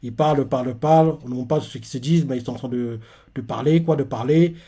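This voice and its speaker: Excitable man recapping a manga chapter. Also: mid-range voice, quick pace, husky. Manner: rambling, many fillers and restarts, excitable. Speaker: reaction channel host.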